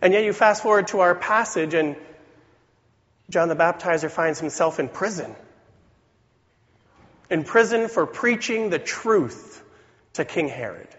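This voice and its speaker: A man's voice: high voice, animated, fairly bright tone. Man preaching, weak cold-worn voice, echoing hall. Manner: earnest, deliberate, with rhetorical questions. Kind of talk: sermon. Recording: dull recording in reverberant hall.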